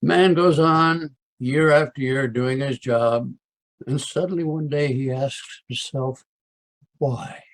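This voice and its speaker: An American actor playing a crusty, outspoken frontier doctor in a western radio drama, wry, scolding and emphatic. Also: male voice, medium pitch, slow pace.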